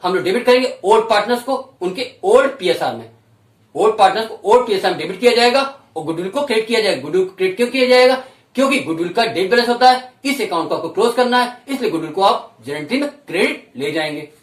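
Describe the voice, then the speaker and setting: A man with a high voice teaches an accountancy lesson, speaking a little way off the mic. His words ring in a roomy echo as he explains each step and repeats it. He poses questions aloud and slows down to dictate figures. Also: animated, far from the mic. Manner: slows right down when dictating entries and figures. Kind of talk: recorded classroom lesson.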